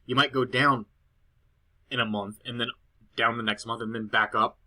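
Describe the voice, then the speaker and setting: Bright-voiced man casually explaining a report. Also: medium pitch, normal speed. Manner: relaxed, rambling explanation with fillers and restarts. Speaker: SEO consultant presenting a client report. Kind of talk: casual screen-recorded walkthrough. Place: girlfriend's house, indoors. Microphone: cheap laptop.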